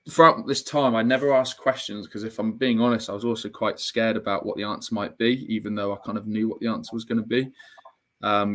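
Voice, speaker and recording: A young man with a somewhat low voice, speaking as an interview guest. He recounts a personal story in a candid, reflective way. His speech is full of "um"s, "kind of"s and restarted sentences. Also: fairly bright tone.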